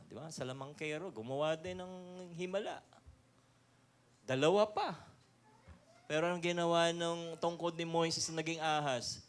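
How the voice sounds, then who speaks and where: Slow-preaching Filipino pastor, man. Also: fairly high pitch, smooth. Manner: lively preaching with call-and-response questions and laughs. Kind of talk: sermon.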